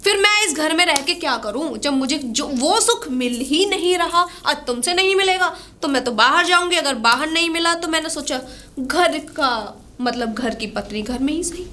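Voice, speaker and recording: A woman's voice: sits high, animated, measured pace, sharp tone, a little hiss or hum, full character voice. A woman playing a defiant taunting wife. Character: defiant neglected young wife. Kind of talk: low-budget Hindi short drama acting.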